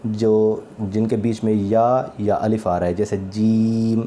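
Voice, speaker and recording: Low, dark-voiced man teaching letters. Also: slight background noise. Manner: calm, patient, repeats each letter slowly. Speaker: Quran recitation teacher. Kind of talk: slow spoken lesson on letter pronunciation.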